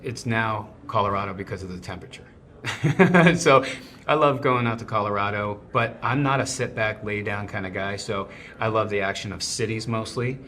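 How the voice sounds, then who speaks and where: A man with a voice on the low side and a bit bright appears as a guest in an informal conversation. He runs a restaurant, cooks as a chef, and grew up somewhere snowy; his talk is eager, coming in quick bursts with many restarts.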